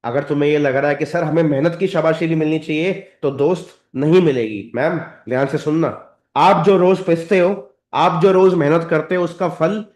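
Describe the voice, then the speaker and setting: A man's voice: on the high side, darkish tone. A man with an Indian accent giving a motivational training talk, lecturing his audience directly and calling them sir and madam. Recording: roomy echoey hall.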